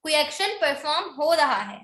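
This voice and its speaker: A woman teacher with a high, bright voice gives an online English grammar lesson. She explains in Hindi mixed with English, slows down for the definitions and keeps checking in with a quick "okay?". The room sounds echoey. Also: big pitch swings.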